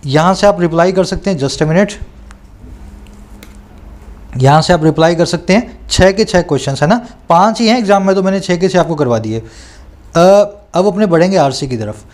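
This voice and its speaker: A man coaching students through an exam paper, reading English questions out slowly and explaining them, often checking that they follow. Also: high voice, lively intonation, darkish tone. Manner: reads English questions aloud slowly, then explains in Hindi.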